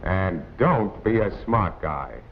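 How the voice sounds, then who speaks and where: A deep-voiced American man narrates slowly and expressively over a 1940s instructional film, scolding in a plain, colloquial way. It's heard through a tinny, noisy film soundtrack of that era.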